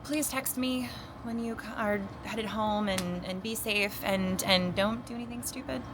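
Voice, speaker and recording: Woman acting as weary caring partner, concerned, conversational, halting, found-footage drama, clearly noisy location recording. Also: mid-range voice, natural voice. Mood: worried, caring. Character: worried, weary working woman, caring partner of creature hunter. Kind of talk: naturalistic found-footage film dialogue. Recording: noisy on-location camera sound.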